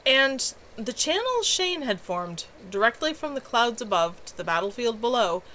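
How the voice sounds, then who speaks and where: An amateur author reads her own fantasy story aloud at home on a livestream with clear background noise. Her voice sits on the high side, sharp in tone, with big pitch swings at a moderate pace.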